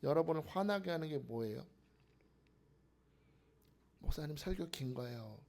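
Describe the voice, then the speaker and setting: A man preaching with a high, lively voice that leaps up and down as he presses his points. His tone has a gravelly edge, and he turns to the congregation with rhetorical questions, sometimes sinking to a hush. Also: normal speed. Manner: animated preaching, rhetorical questions to congregation, drops to whispers for emphasis. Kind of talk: sermon.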